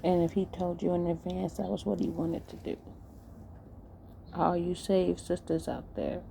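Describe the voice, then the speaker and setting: Gravelly, slow-talking woman vlogger. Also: lowish voice, little pitch movement, dark tone. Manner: fires rhetorical questions at her audience. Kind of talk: talking to viewers. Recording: noisy background.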